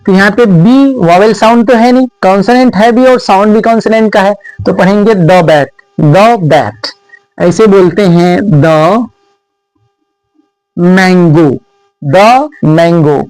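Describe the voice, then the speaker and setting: A man with a Hindi accent teaches a spoken English lesson in a high voice, taking his time and drawing each example word out slowly. He asks his viewers questions as he goes, and the recording is dry and close, with no room echo. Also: darkish tone, clean tone. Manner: explains step by step, repeats example words slowly.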